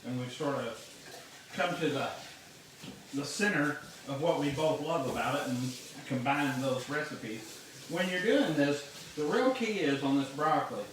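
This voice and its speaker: A man's voice: a little high, expressive, unhurried, slight background noise. A man hosting a casual cooking demonstration, folksy and easygoing, with homespun phrases. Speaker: cooking show host. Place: home kitchen. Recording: echoey kitchen, mic far off.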